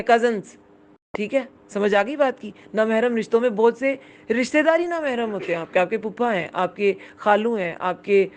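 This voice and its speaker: A woman giving a religious lesson, explaining patiently and often asking her listeners whether they understood. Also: mid-range voice. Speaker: Quran teacher. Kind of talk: Urdu religious lesson with English words.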